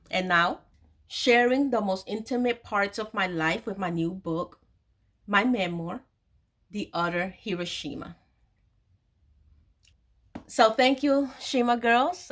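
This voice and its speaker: A somewhat bright, mid-range female voice belongs to an author in her forties hosting an online storytelling series about her own life. She addresses viewers candidly and confidingly, often stressing and repeating key phrases for emphasis.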